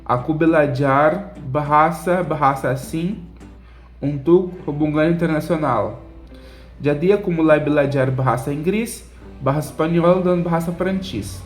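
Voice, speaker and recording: A man's voice: fairly high pitch, normal speed, faint music behind. A young man from Brazil with a Brazilian Portuguese accent tells a casual story as a vlog host, speaking as a foreigner in a learned second language with simple, repetitive phrasing. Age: young adult.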